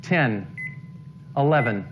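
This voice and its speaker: Slow, halting male game show contestant. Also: mid-range voice, animated, muffled recording, background noise. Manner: halting, deliberate. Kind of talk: short spoken answers. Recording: game show music behind. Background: music and game beeps.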